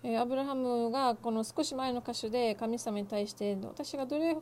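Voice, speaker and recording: A woman interpreting a Bible lesson phrase by phrase, with fillers and quick self-corrections. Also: on the high side, fairly even intonation, darkish tone.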